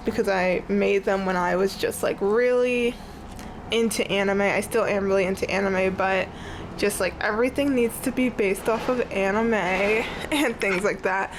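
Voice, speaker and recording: Lying in bed, a young woman flips through her sketchbook for viewers, her mid-range voice stuffy and sniffly. She's chatty and meandering, full of "like," and the rough recording carries a faint hiss or hum.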